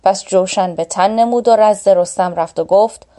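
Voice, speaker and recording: A woman narrating a classic epic tale in a steady, plain storytelling voice. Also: medium pitch.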